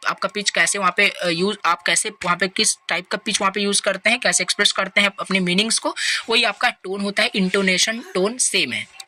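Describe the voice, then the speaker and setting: A man giving an online exam-revision lecture, explaining patiently and reading English lines out slowly. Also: high voice, bright, forceful tone. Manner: leans on tags like "right?" and "over here". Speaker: exam-prep tutor.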